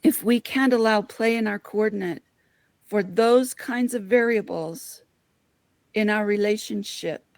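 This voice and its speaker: A woman's voice: medium pitch, a little slow, a little mellow, no echo. A woman hosting a reflective spiritual talk, speaking in an earnest, heartfelt way and addressing listeners as her friends.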